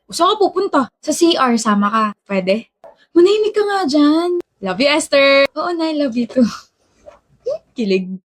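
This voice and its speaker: A woman's voice: high voice, lively intonation, normal speed. A woman acting in a romantic comedy skit, trading teasing, playful banter.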